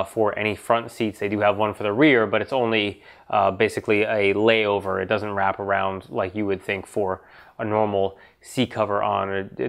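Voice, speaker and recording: A man's voice: lowish voice, a bit bright. A man with a nasal, congested voice from getting over a cold, hosting a casual question-and-answer show in a loose, conversational way with frequent fillers and restarts.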